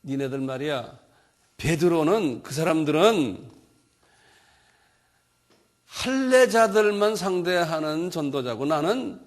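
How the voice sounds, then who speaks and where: A man's voice: a little high, expressive, slow, long pauses. A man voicing a proud ancient apostle who boasts and scolds, talking down to his listeners. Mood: boastful.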